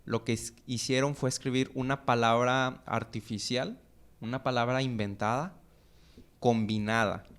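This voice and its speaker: A man's voice: medium pitch, fairly even intonation, measured pace, fairly bright tone, smooth. A man with a Mexican Spanish accent co-hosting a church podcast, explaining a Bible topic in a casual, friendly way with lots of fillers and tag questions. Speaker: podcast co-host teaching Bible. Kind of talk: casual Bible teaching chat.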